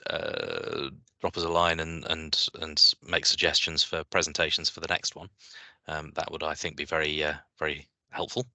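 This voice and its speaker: Man, very low pitch, very bright tense tone, hesitant chair, video call, dry sound. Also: no room sound. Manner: hesitant, with fillers. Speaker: meeting chair. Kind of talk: chairing an online meeting.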